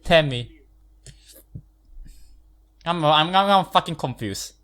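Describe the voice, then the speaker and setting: A man's voice: on the high side, lively intonation, slow, a bit bright, clear, resonant tone. A man co-hosting a podcast, chatting casually, arguing back and swearing when flustered. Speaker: podcast co-host. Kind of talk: casual chat.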